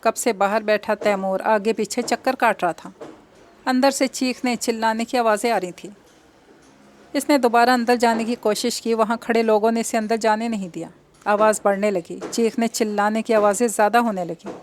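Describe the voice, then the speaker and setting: A woman reading an audio novel in an even, measured storytelling voice. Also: on the high side, slight background noise. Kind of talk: scripted narration of an audio novel.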